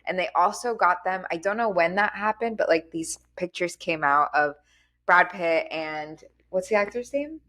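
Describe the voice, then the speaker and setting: A young woman co-hosting a podcast, chatting in a relaxed, agreeable way with many fillers. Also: lowish voice, moderate pace. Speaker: podcast co-host. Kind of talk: casual chat.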